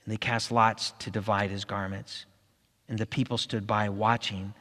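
A man reading scripture aloud in a steady, earnest way, with small slips. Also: on the low side, normal speed. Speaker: scripture reader. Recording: long hall reverb.

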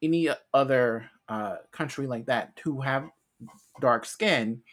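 An American man from the United States co-hosts a casual podcast, speaking slowly in a mid-range voice. He explains his views earnestly and at length, frequently restarting his phrases.

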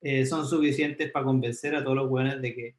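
A man's voice: medium pitch, brisk. Chilean man in an echoey room. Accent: Chilean Spanish. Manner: animated, slangy, retells scenes with acted quotes. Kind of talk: casual anime discussion.

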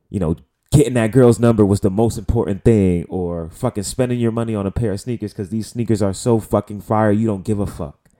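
On his solo podcast, a late-20s man from the Bronx, New York, chats casually in a mellow voice that sits on the low side. His New York accent comes through as he rambles, curses, and fills gaps with lots of fillers.

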